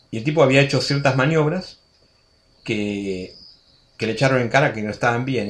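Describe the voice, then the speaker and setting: A man in his sixties with an Argentine accent, a radio guest telling stories in a chatty way, full of restarts and asides. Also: mid-range voice. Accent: Argentine Spanish. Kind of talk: casual storytelling interview.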